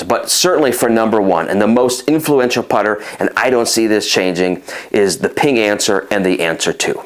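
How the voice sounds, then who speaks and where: A man with a notably low voice talks through his picks in an easygoing, off-the-cuff way. He trails off and circles back often, filling pauses with ums. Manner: rambling, frequent ums and restarts. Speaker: golf channel host. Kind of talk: casual ranking talk.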